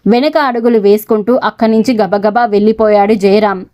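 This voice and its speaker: A woman storyteller giving scripted narration of a serial audio story in a steady, expressive reading. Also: medium pitch, fairly quick.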